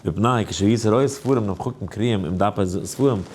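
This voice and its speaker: A man, a rabbi, giving an animated Torah lesson in a sing-song way, now and then stretching phrases into a chant. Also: brisk, slight background noise. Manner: lively, swings high and low. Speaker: rabbi teaching a daily Torah class.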